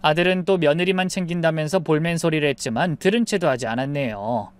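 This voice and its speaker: A woman telling a first-person true-life story in a calm, confiding way. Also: sits low, quick pace.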